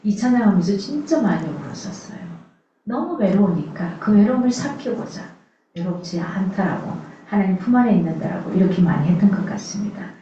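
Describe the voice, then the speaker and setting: A woman's voice: mid-range voice, lively intonation, a little fast, mellow, a little hiss or hum. A woman pastor from Suncheon, in the south of Korea, giving a sermon in an earnest, conversational way and often putting rhetorical questions to the congregation. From South Korea, Suncheon in Jeolla. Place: church sanctuary. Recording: echoey, distant, dull church recording.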